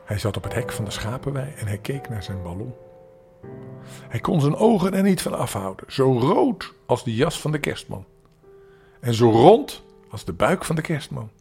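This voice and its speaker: An older man from the Netherlands reading a bedtime story aloud for children, gentle and expressive with small slips. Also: medium pitch, moderate pace, gravelly, faint music behind.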